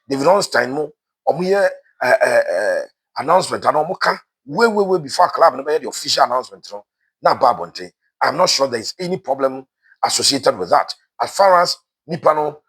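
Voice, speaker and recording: A man with a Ghanaian accent delivers football transfer news in a casual, chatty way. His voice is husky and sits at an ordinary middle pitch. He mixes Twi and English freely and fills pauses with "eh". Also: a bit bright. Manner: switches between Twi and English, frequent "eh" fillers. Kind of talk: casual sports news commentary.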